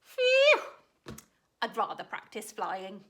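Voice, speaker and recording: A woman voicing an excited young male gosling who is learning to fly. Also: very high voice, a little slow, a little hiss or hum, pitched above the performer's own voice, exaggerated voice. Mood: puffed out. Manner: squealing, boastful.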